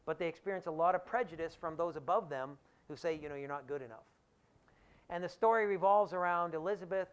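Animated male economics professor lecturing. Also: high-pitched, clean tone. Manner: animated storytelling with acted-out quotes. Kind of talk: public lecture.

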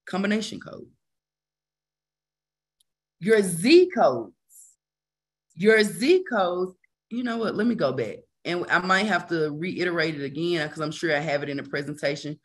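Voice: medium pitch, a bit bright. A medical coding instructor teaching a casual live session, talking conversationally to the class, repeating key terms for emphasis and adding chatty asides.

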